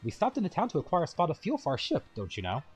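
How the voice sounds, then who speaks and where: A man's voice: fairly high pitch, huge pitch swings, racing, breathy edge, faint music behind, pitched above the performer's own voice, full character voice. A man reading aloud as a fussy elderly male mushroom royal attendant in a video game, formal and old-fashioned.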